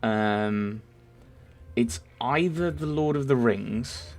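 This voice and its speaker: Speaking very slowly in a mid-range, darkish voice, a young man from Merseyside, England, works through viewer questions. His voice-over is casual and rambling, with many ums and self-corrections, and faint game music is audible behind it.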